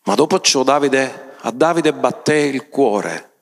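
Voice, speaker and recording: A man's voice: lively intonation, slow pace, vocal fry. Emphatic man preaching a sermon. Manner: emphatic, often rising in pitch for stress; storytelling, retells scripture with commentary.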